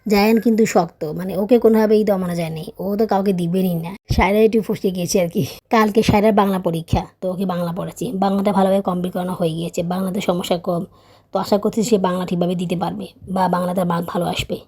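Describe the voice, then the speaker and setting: Fast, mellow-voiced woman vlogger. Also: lowish voice, steady tone, husky. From Bangladesh. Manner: chatty, storytelling, often adds tag questions; raised, scolding teacher voice when tutoring her child. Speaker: vlogger, mother. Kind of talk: casual voice-over narration.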